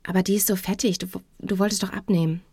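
A woman's voice: mid-range voice, fairly even intonation, quick pace, mellow, slightly rough, no room sound, lightly acted. A woman voicing an insecure, awkward husband who stammers and turns defensive. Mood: cautious. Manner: hesitant, stammering and a little defensive.

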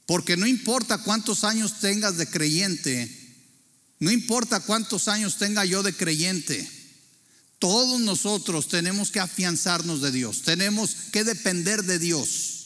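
A man's voice: high-pitched, measured pace, sharp tone. A man with a Mexican accent preaching a sermon, earnestly asking the congregation questions. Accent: Mexican Spanish. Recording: preaching in a reverberant hall.

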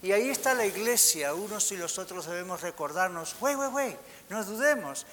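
A pastor preaches with a high, bright voice, putting rhetorical questions to his listeners. His voice rings out through a reverberant hall over a faint hiss. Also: animated, a little fast. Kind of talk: sermon. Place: church hall.

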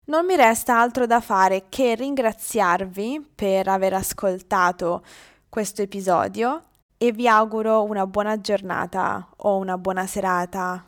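Roman woman hosting a conversational podcast. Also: mid-range voice. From Lazio, Italy. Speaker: podcast host, interviewer. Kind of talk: conversational interview and outro for language learners.

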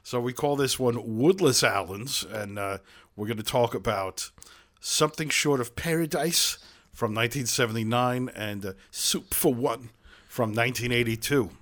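Self-mocking Brooklyn podcast host. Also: male voice, medium pitch, moderate pace, a bit bright. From Brooklyn, New York. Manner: self-deprecating, many "uh" fillers, chuckling. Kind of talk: casual chat.

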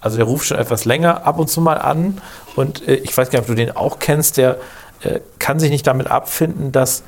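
A man's voice: medium pitch, a little fast. A man co-hosting a podcast, telling a story in casual chat, rambling with many fillers and restarts. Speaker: podcast co-host.

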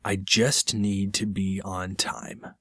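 A man's voice: sits low, flat delivery, takes it slowly, fairly bright tone, breathy edge, no echo, clean studio sound, exaggerated voice. A man voicing a stressed young businessman who complains about his bad day. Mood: exasperated. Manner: exasperated complaining.

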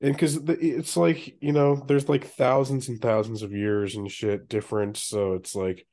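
A man with a nasal, congested voice, sick and low on energy, hosting a casual podcast with some easy swearing. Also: flat delivery, normal speed, dark tone. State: sick with stuffy nose. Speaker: podcast host.

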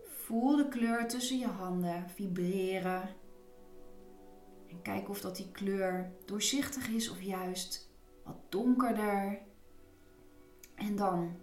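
Female relaxation guide, slow instructive delivery with gentle repeated cues, echoing room. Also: medium pitch. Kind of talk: guided body relaxation and breathing meditation.

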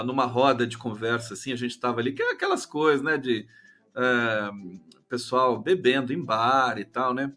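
A man's voice: medium pitch, pushed and bright. A man with a Brazilian Portuguese accent hosting a live stream of casual political commentary, sarcastic and profane, often ending phrases with a tag question.

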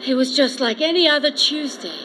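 A woman's voice: sits high, music in the background, lightly acted, low-quality recording. A woman playing a bossy divorced female detective with an Australian accent, in a radio comedy. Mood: brisk. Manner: brisk and bossy, teasing.

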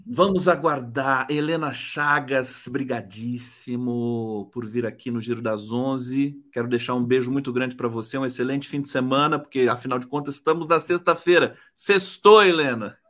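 A man's voice: medium pitch, steady tone, moderate pace, hardly any pauses, fairly bright tone. A man with a Brazilian Portuguese accent hosting a live talk show, casual and affectionate with his guests. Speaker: host.

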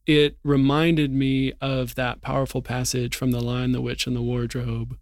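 A man reading a storybook passage aloud in an earnest, expressive way, then reflecting on it in a Bible discussion. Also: mid-range voice, normal speed, no echo, clean studio sound.

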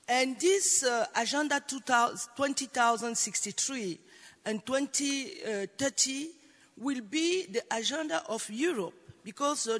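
Francophone African woman speaking careful, halting English. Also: on the high side, a bit bright. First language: French. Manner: careful, halting non-native English with searching pauses. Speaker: mayor and panel speaker. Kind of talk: panel remarks. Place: large hall at a conference, speaking to a room. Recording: reverberant conference hall.

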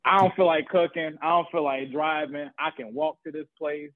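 A man's voice: on the high side, fairly even intonation, normal speed, no room sound. A man, talking in a laid-back, slangy way and swearing freely in casual chat. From Chicago south suburbs. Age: 30s. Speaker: podcast guest. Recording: dry phone-like sound.

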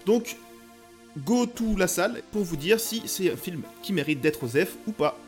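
A man's voice: high voice, lively intonation, normal speed, soft background music. A young Frenchman hosting his own film podcast, talking in a playful, self-mocking way with lots of filler sounds. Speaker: podcast host reviewing films. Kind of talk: casual comic monologue.

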